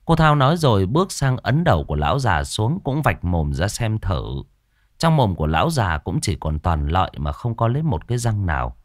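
A man's voice: on the low side, sing-song, a little fast, dry recording, clean studio sound. A man narrating a horror story in a dramatic, suspenseful storytelling voice.

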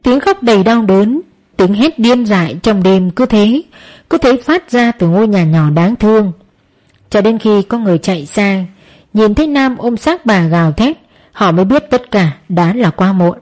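A woman reads a dramatic story aloud. Her delivery is emotive and tense, and she speaks at an everyday pitch. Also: animated, moderate pace, darkish tone. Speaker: narrator.

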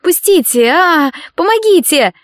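A woman's voice: expressive, moderate pace, no echo, clean studio sound. A woman voicing a frightened, defiant young woman who pleads and cries out. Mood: panicked. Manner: pleading, shrill when shouting.

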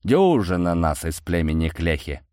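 A man voicing a gruff, grumbling male dwarf miner with a sweet tooth, in an audiobook. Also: deep voice, big pitch swings, a little mellow, dry recording, studio quality, voice pushed down. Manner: gruff, grumbling, drawn-out slow speech. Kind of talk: audiobook character voice.

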